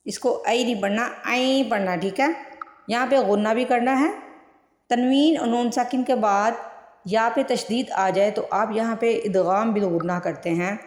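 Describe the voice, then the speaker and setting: A woman teaching Quran recitation word by word. She draws each word out slowly and then explains it in plain speech. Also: fairly high pitch. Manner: slow drawn-out recitation between plain explanations. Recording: echoey room with long reverb.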